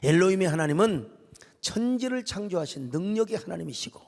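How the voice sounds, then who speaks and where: Gravelly, high-voiced preacher. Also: male voice, expressive, brisk, a little mellow. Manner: dramatic, emotional preaching with rhetorical questions. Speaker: pastor. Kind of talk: sermon. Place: church sanctuary. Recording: echoey church hall.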